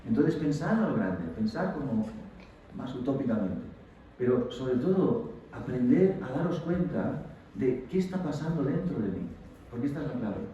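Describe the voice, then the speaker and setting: Animated Spanish man lecturing in an echoey hall. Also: medium pitch, normal speed, a little hiss or hum. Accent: Spanish from Spain. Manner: animated, acts out quoted voices. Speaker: guest lecturer. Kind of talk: motivational lecture to students. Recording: distant, dull-sounding mic in a very echoey hall.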